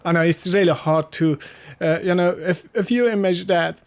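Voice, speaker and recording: A man from Afghanistan with a high voice appears as a guest in a casual interview. He speaks halting second-language English, restarting his sentences and laughing softly.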